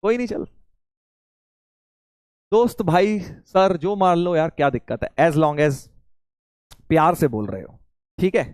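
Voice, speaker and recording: A man teaching maths in a live online class. He teases his students in a playful way and slows right down to spell out each step. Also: fairly high pitch, darkish tone, no echo. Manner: playful, teasing, calls students "beta".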